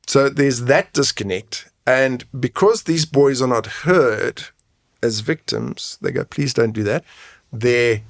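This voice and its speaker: A guest on an interview, this men's mental health coach and advocate takes his time, speaking slowly at medium pitch. His explanations are frank and conversational, often checked with a tag question, and the studio sound is clean and dry.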